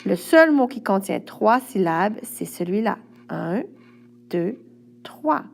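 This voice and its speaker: Quebec woman teacher, slow and patient, light fry in the voice, talking a child through exercises. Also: medium pitch, animated. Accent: Quebec French. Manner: patient, speaks directly to a young pupil step by step. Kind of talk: recorded classroom instructions.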